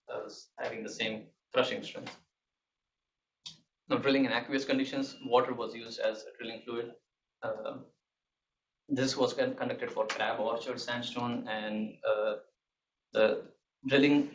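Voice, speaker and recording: A young man giving a technical thesis presentation, halting and hesitant, often restarting his words. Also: mid-range voice, fairly bright tone. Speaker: PhD candidate presenting a thesis defense. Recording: muffled, distant mic with background noise.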